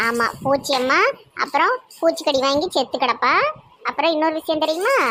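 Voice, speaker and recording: A woman playing a brash scheming bride, high voice. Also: fairly bright tone, a little hiss or hum. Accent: Tirunelveli Tamil. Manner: brash, bragging.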